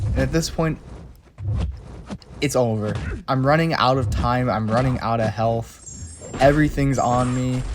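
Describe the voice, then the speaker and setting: A man narrating a recap of his game fights in an exasperated, rambling play-by-play. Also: mid-range voice. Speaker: game channel creator. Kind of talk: gameplay recap voice-over. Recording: clear background noise.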